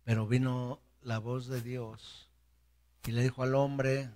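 A man's voice: mid-range voice, flat delivery, slow, a little mellow. A man preaching a sermon as pastor, acting out biblical voices and speaking straight to his congregation.

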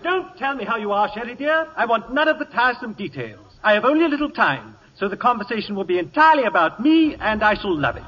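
An actor playing a witty, vain English playwright with a breathy, theatrical manner in a 1950s radio drama. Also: male voice, sits high, sing-song, fast, few pauses, a bit bright, exaggerated voice. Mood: flamboyant. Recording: dull lo-fi 1950s radio broadcast with long reverb.

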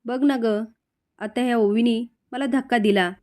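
Scheming young woman, whiny and accusing, read by a woman narrator with a fairly high voice. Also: fairly even intonation, unhurried, darkish tone, natural voice. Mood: whining. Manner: accusing, melodramatic.

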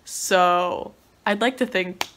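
A young woman vlogger telling a story in a casual, excited way, swearing freely. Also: fairly low pitch, slow, a little hiss or hum. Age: young adult.

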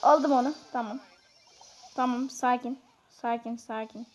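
A woman giving chatty, excitable commentary on her own gameplay, talking straight to her viewers. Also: fairly high pitch, measured pace, a little hiss or hum. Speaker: gaming YouTuber. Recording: dull lo-fi sound.

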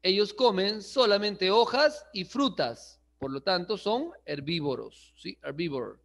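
A man's voice: high voice, lively intonation, a little slow, creaky, a bit bright. A man teaching an English class online, switching between languages and checking in with the students often. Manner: checks understanding with frequent "¿sí?", chuckles often. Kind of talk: online class, bilingual explanation.

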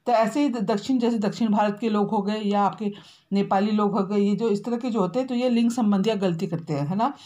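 Woman teacher from Uttarakhand, mid-pitched, patient drill style: slow spelled-out words, constant "right?" to the kids. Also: dark tone, highs cut off. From Uttarakhand, India. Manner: constant tag questions to pupils. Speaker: primary school teacher. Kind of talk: spelling lesson for children.

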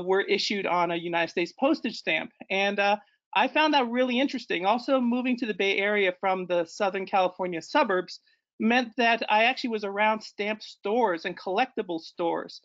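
Presenting a slideshow online as a guest, an Ecuadorian-born man in his forties speaks hesitantly, full of fillers and self-corrections. His voice is high-pitched with a fairly bright tone, captured through a video call in an indoor room, and the sound is dull.

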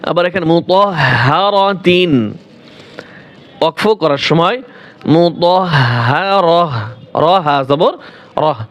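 A man teaching the rules for reading the Quran, asking questions and answering them himself, and repeating each word slowly. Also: on the high side, fairly bright tone, slight background noise. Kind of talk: explaining rules to viewers.

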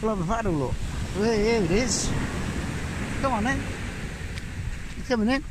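Brief: man, high-ish voice, chatty dog-walk vlog on a beach, loud wind and surf. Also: expressive, normal speed. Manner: chatty, coaxing the dog in a sing-song voice. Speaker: vlogger. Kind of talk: casual vlog narration while walking a dog. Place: open beach by the sea, outdoors. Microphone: phone camera held in hand. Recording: wind-blasted phone audio on a beach. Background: loud wind and crashing waves.

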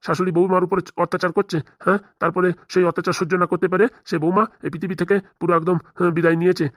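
Speaking very fast in a high, level voice close to an everyday one, a man acts out a protective middle-aged father-in-law in cartoon comedy dialogue. He's stern and indignant, lecturing insistently and leaning on rhetorical questions. Studio quality, with no echo.

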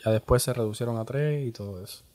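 A man's voice: medium pitch, darkish tone. Laid-back Cuban music producer man. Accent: Cuban Spanish. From Cuba. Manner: slow, laid-back, repeats "¿entiendes?". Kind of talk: casual interview.

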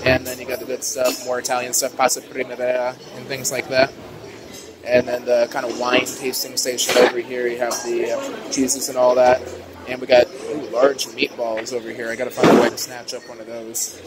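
A young vlogger walks through a large indoor buffet restaurant with a handheld phone camera, narrating casually and cheerfully with lots of "ooh"s and "uh"s. His mid-range voice comes across with a completely flat delivery at normal speed, and the noisy phone video picks up diner chatter and clatter.

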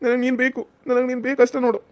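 A woman's voice: high-pitched, little pitch movement, very fast, darkish tone, dry recording, lo-fi sound, close to an everyday voice. A woman doing a meek young farmer man. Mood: pleading. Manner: pleading, helpless. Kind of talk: cartoon voice acting.

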